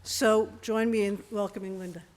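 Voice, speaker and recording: A woman organizer delivers a prepared introduction speech for a guest speaker in a measured, orderly way. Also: mid-range voice, steady tone, darkish tone, a little hiss or hum. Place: church hall. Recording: echoey hall, long reverb.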